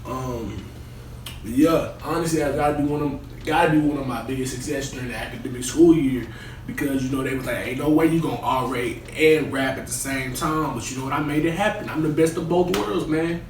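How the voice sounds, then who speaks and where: A man's voice: mid-range voice, a little fast, natural voice. Man acting as young resident assistant, echoey skit interview. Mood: cocky, boastful. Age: young adult. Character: young male resident assistant, cocky and boastful or earnest. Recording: echoey room, distant mic, noisy.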